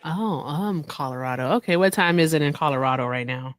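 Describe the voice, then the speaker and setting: A woman's voice: sits low, fairly quick, dry recording, clean studio sound. A woman hosting a casual livestream chat, blunt and skeptical with her callers. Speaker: host.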